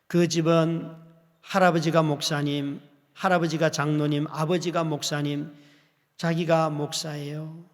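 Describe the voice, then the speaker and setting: A middle-aged man preaching a sermon as pastor, telling a story with feeling, dropping to hushed whispers and rising to loud exhortation. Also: on the high side, little pitch movement, unhurried. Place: church sanctuary. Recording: long hall reverb in a church.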